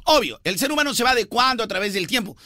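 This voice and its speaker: A man's voice: very high voice, lively intonation, pushed and bright, slight background noise. A man with a Peruvian accent, hosting a radio show and trading teasing riddles in joking banter. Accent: Peruvian Spanish. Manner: teasing, quick riddle-teller. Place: radio studio.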